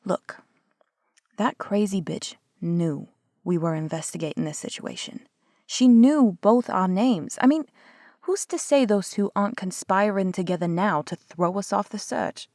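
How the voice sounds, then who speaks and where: Unhurried and animated, this young woman's medium-pitched voice has a darkish tone. She delivers a one-sided audio roleplay as a skeptical investigator, sarcastic and quick to argue, swearing casually and sometimes dropping to a whisper. It's a dry, studio-quality recording.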